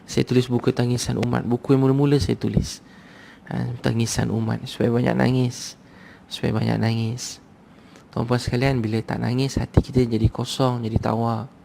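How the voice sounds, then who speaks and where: A man's voice: medium pitch, flat delivery, moderate pace, gravelly, dark tone, slight background noise. A man preaching a sermon to a live audience in a Malaysian Malay accent, conversational and repetitive, urging his listeners.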